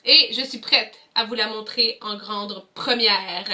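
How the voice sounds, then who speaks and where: A woman's voice: mid-range voice, measured pace, heavy background noise. A young woman with a Quebec French accent, leading kids through a movement activity from home as a cultural mediator, encouraging and addressing viewers directly. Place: home, indoors.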